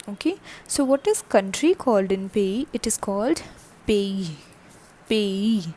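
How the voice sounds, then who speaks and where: A woman teaching a French lesson in English, slowly repeating each word and saying "okay" often. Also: a little high, sing-song, warm tone, slight background noise. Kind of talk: online language lesson.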